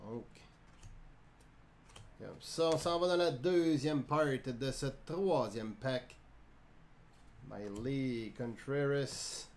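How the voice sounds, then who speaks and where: Speaking extremely slowly with long pauses in a mid-range voice, a man with a Quebec French accent hosts a live card break. He calls out each card in a chatty way and laughs and jokes with viewers.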